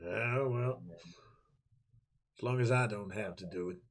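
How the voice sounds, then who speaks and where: A man voicing a gruff older male harbor master who grumbles brusquely and casually. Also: lowish voice, measured pace, pitched below the performer's own voice, close to an everyday voice.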